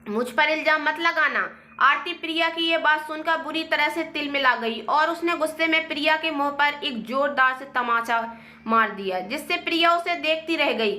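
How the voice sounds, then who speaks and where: Bright high-voiced woman storyteller. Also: normal speed, reverberant. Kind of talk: scripted story narration.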